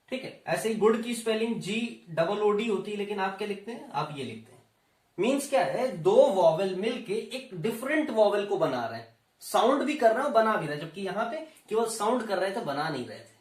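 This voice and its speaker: A man with an Indian accent giving a lecture, explaining slowly and repeating key terms as he moves between Hindi and English. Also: sits high, big pitch swings. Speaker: teacher. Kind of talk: classroom lecture. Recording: roomy echo, voice from a distance.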